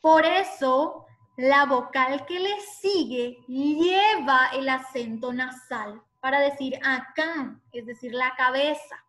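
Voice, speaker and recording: A woman teaching an online class, explaining slowly and patiently and spelling out sounds one by one. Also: sits high, fairly bright tone.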